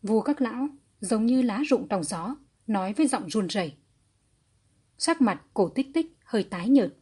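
A woman narrating a historical fantasy audiobook in a steady, even storytelling manner. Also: a little high, moderate pace, slightly rough.

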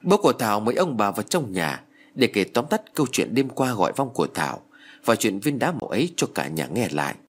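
A man narrating a ghost story audiobook in a steady, expressive reading. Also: on the low side, fairly quick, slightly rough.

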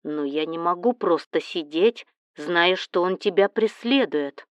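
A woman's voice: on the low side, unhurried, dry recording, muffled recording, lightly acted. A woman voicing a worried, protective boyfriend. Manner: anxious, protective. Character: caring, worried new boyfriend, grown man.

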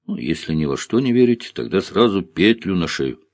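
A man voicing a hardened, defiant aging outlaw in an audiobook, husky and blunt. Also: low-pitched, big pitch swings, normal speed, darkish tone, no echo, studio quality, exaggerated voice. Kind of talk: audiobook character reading.

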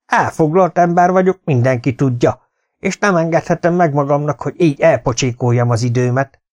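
A man voicing a gruff, domineering older farmer who growls and scolds in an audiobook. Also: a little high, a little mellow, voice pushed up, natural voice. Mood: scolding. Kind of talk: audiobook character voice.

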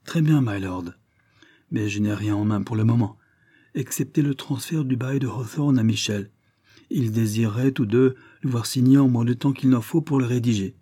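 A man's voice: mid-range voice, normal speed, mellow, breathy edge, close to an everyday voice. A man reading a fussy country lawyer. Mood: fretful.

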